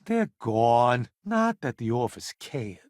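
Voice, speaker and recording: Playing the same sardonic, self-promoting food columnist turned video-game space crewmate, the actor now sounds aggrieved. His medium-pitched voice swings widely in pitch, moves slowly, and has a slightly mellow tone, with clean, dry studio sound.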